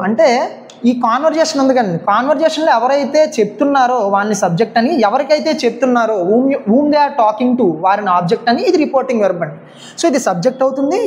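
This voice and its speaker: Fast-talking woman teaching grammar. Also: high-pitched. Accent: Telugu. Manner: keeps asking rhetorical questions, mixes Telugu and English. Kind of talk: exam coaching lecture.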